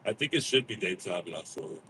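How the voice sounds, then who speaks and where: A man's voice: deep voice, animated, fast talker, fairly bright tone, a little hiss or hum, low-quality recording. A man chatting casually and playfully on a livestream as host, with slightly slushy speech from missing teeth, talking in a car. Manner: playful, slangy, informal. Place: inside a moving car.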